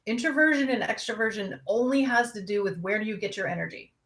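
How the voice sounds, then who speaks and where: Candid woman counselor, young adult, mid-pitched, easy conversational delivery. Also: lively intonation, quick pace, a bit bright. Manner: candid, conversational, speaks to a live audience. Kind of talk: casual talk on anxiety.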